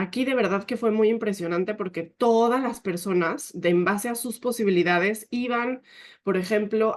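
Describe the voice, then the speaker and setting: A woman giving a leadership talk, telling a personal story in an earnest, emotional way. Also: mid-range voice. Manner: often quotes herself and others.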